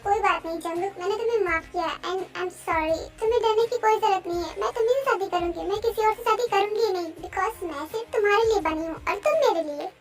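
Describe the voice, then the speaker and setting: A woman's voice: very high voice, fast talker, few pauses, over music. Woman voicing a sweet, touchy college girl. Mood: soothing. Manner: sulky, affectionate. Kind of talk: amateur fan dubbing.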